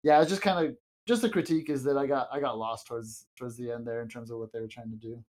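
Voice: mid-range voice, fast, a little mellow. Podcast co-host recording inside a closet. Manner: loose and rambling, with frequent fillers and laughs. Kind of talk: casual wrestling show review chat.

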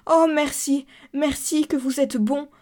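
A woman's voice: a little high, a little slow, dark tone, voice pushed up. A woman reading aloud and voicing an anxious young woman who stammers and begs in a trembling voice. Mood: pleading. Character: anxious upper-class young woman, tormented, pleading.

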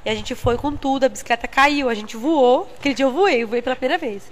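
A young woman telling funny stories in a casual chat with friends, talking loud and animated, laughing as she goes. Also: high-pitched, fast. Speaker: storyteller in a group chat.

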